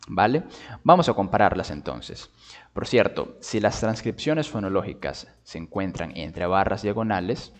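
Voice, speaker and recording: A man giving a patient video lesson on phonetics, drawing out sounds slowly to demonstrate them and often checking in with his listeners. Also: low voice, big-room sound. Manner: checks in with "¿vale?" and "¿ok?". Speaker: linguistics teacher.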